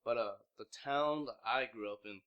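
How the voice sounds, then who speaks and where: His medium-pitched voice flows smoothly at a moderate pace, though the audio sounds dull. The speaker, a young clothing brand founder from Vietnam in his mid twenties, gives a loose, rambling interview, heavy on "like" and full of restarts.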